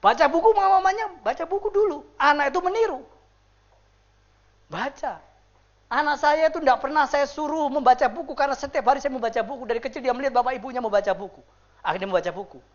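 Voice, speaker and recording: A male pastor preaching a lively sermon to a church congregation, acting out the people he describes. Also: rapid-fire, lo-fi sound. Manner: animated, acts out quoted people with big pitch swings. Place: church service.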